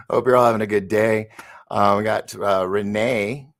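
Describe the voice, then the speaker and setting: Speaking slowly in a steady, lowish voice, a man in his fifties hosts a live stream show from San Francisco. He reads viewer comments in a chatty, rambling way, often fumbling his words. He is recovering from an injury.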